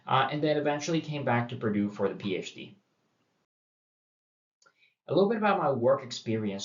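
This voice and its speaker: A middle-aged man from Puerto Rico introducing a university course, talking casually with many fillers and restarts. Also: mid-range voice. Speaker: university instructor. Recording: dull roomy audio from a distance.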